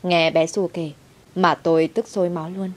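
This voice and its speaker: Low-voiced woman telling a dramatic story. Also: flat delivery, moderate pace. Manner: dramatic, heated when quoting herself. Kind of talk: first-person story narration.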